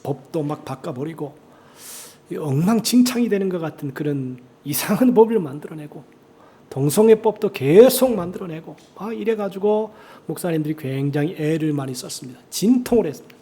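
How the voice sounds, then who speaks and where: A man's voice: fairly high pitch, expressive, fairly quick, mellow. A man preaching a church sermon as pastor, rising dramatically when he quotes scripture. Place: church sanctuary.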